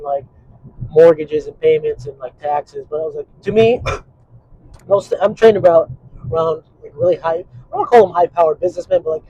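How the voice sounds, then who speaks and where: Husky-voiced man, cursing casually. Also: sits high, darkish tone, poor audio. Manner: profane and rambling, with frequent fillers. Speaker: vlogger. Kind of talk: casual rambling monologue.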